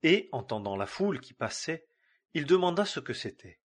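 A man giving a measured scripted reading of scripture, lifting his voice for the cries. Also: fairly high pitch, very animated, slightly rough. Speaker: Bible reader.

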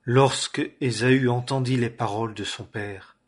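A man reading scripture aloud in a solemn, measured way. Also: medium pitch, steady tone, breathy edge. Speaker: scripture reader.

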